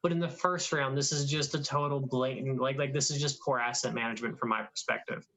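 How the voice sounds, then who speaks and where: Male co-host, mid pitch, opinionated and animated, casual live-stream delivery. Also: a little fast, low-quality recording. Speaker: draft analyst co-host. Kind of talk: live draft commentary chat.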